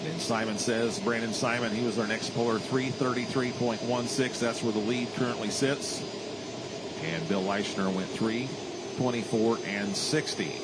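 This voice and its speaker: A man's voice: mid-range voice, fairly even intonation, normal speed. A man working as a tractor pull announcer, calling out names and distances live and repeating them for the crowd. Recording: loud engine and vehicle noise. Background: roaring vehicles at an outdoor track.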